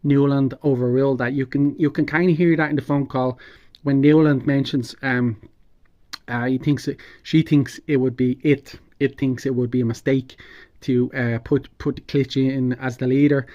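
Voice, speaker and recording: Male online commentator, mid-pitched, halting off-the-cuff delivery, calm turning angry and sweary, muffled lo-fi recording. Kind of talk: unscripted political rant. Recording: dull lo-fi sound.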